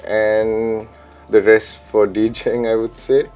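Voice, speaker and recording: Sri lankan guy in his 30s, low mellow voice, laid back interview answers with lots of ums, lapel mic in a studio. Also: takes it slowly, clean tone, soft background music. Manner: relaxed and reflective, many ums and uhs. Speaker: chef and DJ, interview guest. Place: studio set with pink backdrop.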